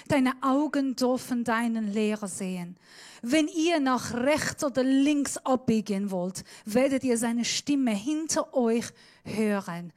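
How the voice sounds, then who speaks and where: Slow, dramatic, higher-voiced woman preaching. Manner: dramatic, shifting between loud emphasis and hushed near-whisper; slips in Swiss German words. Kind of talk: sermon.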